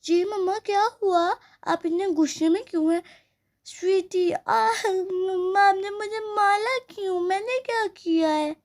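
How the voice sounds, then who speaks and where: A woman's voice: very high voice, unhurried, voice pushed up. A woman voicing a young girl doll who loves candy, talking in a childish way with munching sounds, in a doll play story. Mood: pleading.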